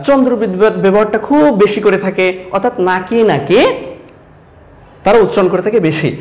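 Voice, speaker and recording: A man from Sylhet teaching an online class, asking students repeated questions and addressing them directly. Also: high-pitched. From Sylhet, Bangladesh. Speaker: Bengali teacher.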